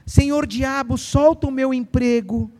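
A man mocking a timid believer who begs slowly and politely in a drawn-out pleading voice. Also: very high voice, mellow.

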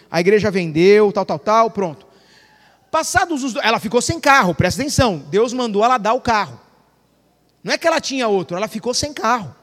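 A Brazilian man preaching with a strikingly high voice. He tells stories, plays out the dialogue and swings between loud declarations and hushed asides. His voice carries a long reverb, as in a large hall. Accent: Brazilian Portuguese. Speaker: pastor. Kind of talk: sermon.

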